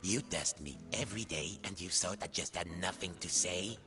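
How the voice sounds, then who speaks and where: A man voicing a gruff, pompous old hermit crab, a self-important captain, in a theatrical video game style. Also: sits low, normal speed, close to an everyday voice. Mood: cranky, secretive. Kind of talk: video game character acting.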